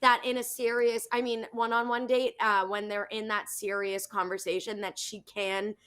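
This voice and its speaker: A woman's voice: medium pitch, little pitch movement, moderate pace, fairly bright tone, smooth. A woman in her twenties co-hosting a reality TV recap over a video call, chatting casually in a rambling way full of "like". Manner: rambling, filler-heavy with frequent "like". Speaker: co-host of a reality TV recap show. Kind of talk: casual chat commentary.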